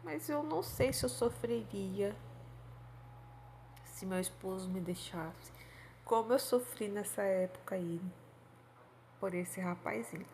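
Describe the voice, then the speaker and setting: An adult woman shares a painful personal memory with her viewers, speaking in a heartfelt, rambling way. Her voice has a gravelly, creaky texture, and she keeps checking in with little tag questions. A faint hiss sits behind her. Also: mid-range voice, slow pace, pauses often, darkish tone. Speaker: storyteller on her own channel. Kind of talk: confessional personal storytelling.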